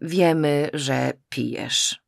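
A woman voicing a stern, quiet older father in an audiobook, speaking slowly and low. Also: creaky, no room sound, clean studio sound, full character voice. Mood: grave. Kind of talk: audiobook character voice.

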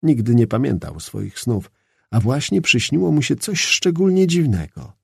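A man reads a novel aloud with expressive, dramatic storytelling and a lively, swinging pitch. His voice is gravelly and husky. The recording is close and dry. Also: normal speed, no echo. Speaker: audiobook narrator. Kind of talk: scripted narration.

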